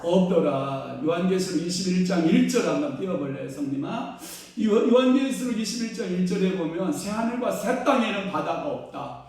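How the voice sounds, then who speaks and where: A male pastor preaching a sermon, quizzing the congregation with questions and swinging between hushed and loud exclaiming. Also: high voice, lively intonation, moderate pace, few pauses. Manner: call-and-response questions to the congregation. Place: church sanctuary. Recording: echoey church hall, distant mic.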